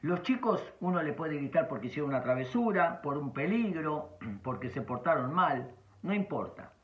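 A man with an Argentine accent giving a calm, explanatory advice talk. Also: fairly high pitch, moderate pace. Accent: Argentine Spanish. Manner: calm, explanatory, varied emphasis. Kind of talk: talking-head advice talk. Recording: dull lo-fi sound.

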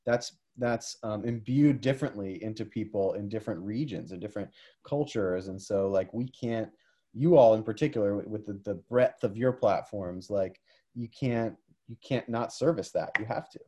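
A man on a panel speaks emphatically in quick bursts, his voice low. His tone is mellow and relaxed, and he talks over a video call. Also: breathy edge. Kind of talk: panel discussion.

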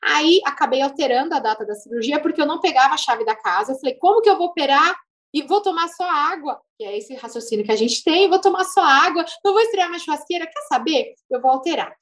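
A woman with a Brazilian Portuguese accent, a speech therapist telling her own story as a guest in a casual interview, chatty and lively, laughing now and then. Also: high-pitched, fast talker, few pauses.

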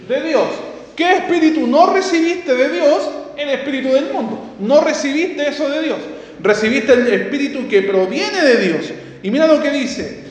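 A man preaching a sermon, asking his listeners questions, answering them himself and reading scripture aloud with repeated key words. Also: very high-pitched. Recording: echoey hall with long reverb.

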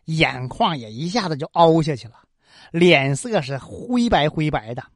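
Female storyteller for an expressive folk tale; lively pitch, dry close recording. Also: no echo. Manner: colloquial, expressive, with interjections.

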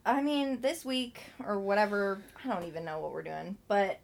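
Young female co-host, chatty and loud, laughs easily, mid-pitched casual podcast banter. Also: animated, vocal fry. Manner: talks loudly and fast, laughs often, rambling. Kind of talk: casual chat.

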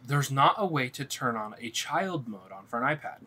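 A man's voice: mid-range voice, animated, moderate pace, pushed and bright, husky. Rambling man telling a story. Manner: rambling storyteller, restarts often. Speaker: podcast co-host. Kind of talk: casual chat.

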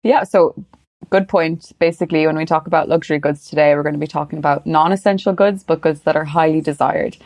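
A woman's voice: sits low, fairly even intonation, quick pace, darkish tone. A woman from Galway with a west of Ireland accent, speaking conversationally as an interview guest. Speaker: podcast guest, luxury marketing professional.

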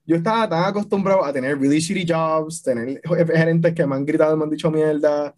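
A young man telling army stories in a casual podcast chat, slangy and animated, mixing Spanish and English. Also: on the high side, fairly quick. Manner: animated storyteller, slangy and swearing. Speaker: podcast guest, army veteran.

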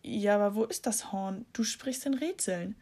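A woman voicing a friendly grown woman who talks in a lively, questioning way. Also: mid-range voice, moderate pace, natural voice.

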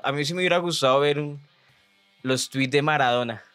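A man's voice: fairly high pitch, fairly quick, a bit bright, smooth, no room sound, soft background music. A man hosting a video podcast, chatting casually and telling stories with jokes. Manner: storytelling, joking, breaks into imitations. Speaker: podcast host. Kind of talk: casual chat.

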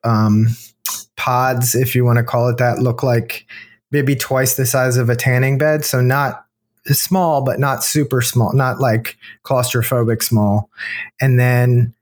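A man co-hosting a podcast in casual conversation, speaking in a hesitant, halting way. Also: medium pitch, flat delivery. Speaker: podcast co-host. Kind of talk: casual chat. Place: unfurnished kitchen and dining area.

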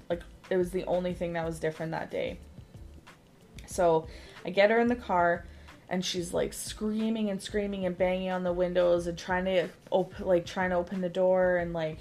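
Woman in her 30s rambling thru a story on a podcast, kinda low voice, lots of likes, faint music under it. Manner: rambling, lots of "like" fillers, animated retelling. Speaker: podcast co-host. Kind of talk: casual storytelling chat.

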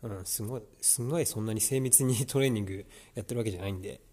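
Low-pitched man, casual vlog talk. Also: very fast, darkish tone, breathy edge, no room sound. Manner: reflective, conversational, thinking aloud. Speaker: vlogger.

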